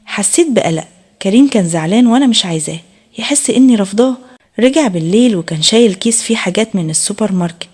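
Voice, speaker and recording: A woman with an Egyptian Arabic accent tells a first-person story in scripted narration. She reads at a brisk pace with a husky, breathy voice and keeps an intimate, even delivery. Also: medium pitch.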